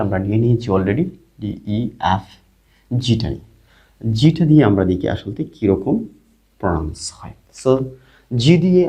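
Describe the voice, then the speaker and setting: A man runs an online English lesson, his low, mellow voice steadily repeating each sound. He keeps asking questions and then answering them himself. The recording is somewhat dull and lo-fi. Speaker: English teacher.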